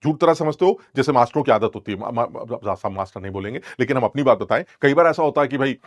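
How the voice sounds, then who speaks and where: A man's voice: mid-range voice, lively intonation, quick pace, no echo, studio quality. A young male chemistry teacher, rambling and joking as he scolds his students playfully. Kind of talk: lecture with teasing asides.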